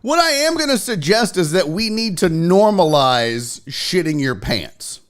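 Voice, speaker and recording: A man's voice: sits high, big pitch swings, measured pace. A man hosting a casual livestream, greeting viewers in slangy, buddy-like terms with blunt, profane, joking talk. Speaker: livestream host.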